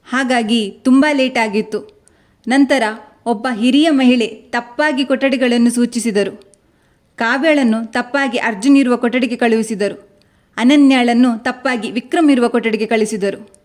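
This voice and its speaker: A woman with a somewhat high voice tells a dramatic story in steady scripted narration. She stays unhurried and even throughout. She reads the characters' lines in her own natural voice, without putting on separate voices.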